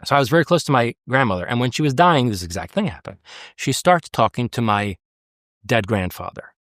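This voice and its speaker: Speaking fairly quickly with a sing-song lilt, this American interviewee has a medium-pitched, somewhat bright voice. He is earnest and emphatic, with frequent restarts, in a conversational interview. Studio-quality audio, no echo.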